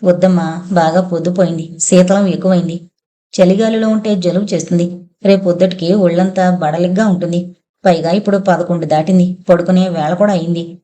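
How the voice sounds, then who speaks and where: Soft-spoken older nanny for a storybook reading, slow and hushed, read by a woman. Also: on the low side, fairly even intonation, natural voice.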